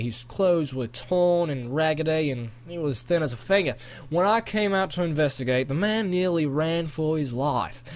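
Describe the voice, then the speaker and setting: A good-natured storybook dragon drawls "mate" in a put-on Australian accent, as a man reads him. His voice bounces up and down and sits a little high for a big beast. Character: friendly old male dragon, chatty, Australian-sounding. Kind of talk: amateur audiobook character voice.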